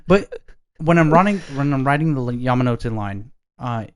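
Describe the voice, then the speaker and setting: A young man co-hosting a casual podcast chat, a little drunk, telling stories animatedly with loud exasperated outbursts. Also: medium pitch, lively intonation, moderate pace, clear, resonant tone. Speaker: podcast co-host.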